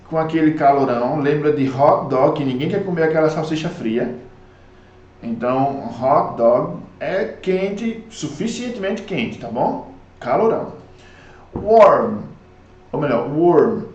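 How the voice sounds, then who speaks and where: A Brazilian man with a slightly raised voice explains English vocabulary in a lively, chatty teaching manner. He keeps checking in with his students as he goes. The recording has a noticeable echo of the room around him. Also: fairly high pitch. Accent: Brazilian Portuguese. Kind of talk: recorded online lesson.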